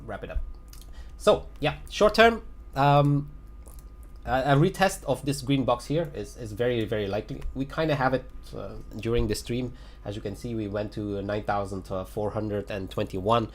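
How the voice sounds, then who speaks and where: Speaking at medium pitch and a slightly slow pace, a crypto analyst chats loosely through trading charts during a livestream. His voice is getting raspy after hours on air, and he comes across as hesitant, packing in fillers, circling back to the same phrases and chuckling now and then.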